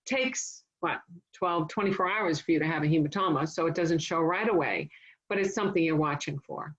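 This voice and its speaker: A woman's voice: deep voice, fairly quick, breathy edge, highs cut off. A woman nursing instructor giving a casual, conversational classroom lecture, explaining with everyday analogies and stories.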